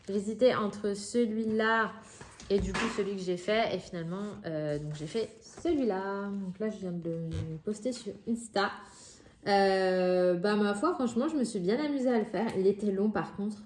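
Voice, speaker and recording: A woman's voice: medium pitch, darkish tone, slight background noise. A woman in her thirties chatting casually at home in a hobby vlog, with many fillers and restarts. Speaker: coloring vlogger. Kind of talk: casual chat.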